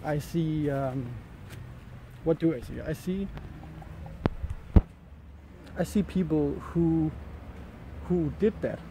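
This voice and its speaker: A man's voice: a little high, slow. A man who is a bit under the weather, talking casually to camera as he walks outdoors, musing and often searching for words. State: a bit sick with an ear infection. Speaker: vlogger. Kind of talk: casual rambling talk to camera while walking outdoors. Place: outdoors in jungle, light rain. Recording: outdoor ambient noise. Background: faint outdoor ambience.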